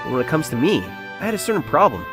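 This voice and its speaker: In a comic dub, a man plays an earnest, self-doubting young salesman who secretly feels like a nerd, narrating his own romance story in the first person. His fairly high voice is very animated and quick, with a confiding, wistful mood. Music plays underneath.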